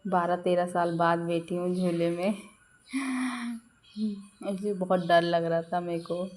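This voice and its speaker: Slow, mellow-voiced woman from Madhya Pradesh. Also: lowish voice, monotone. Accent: Madhya Pradesh Hindi. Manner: chatty, storytelling, laughs often. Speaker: vlogger. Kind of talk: casual vlog voice-over narration.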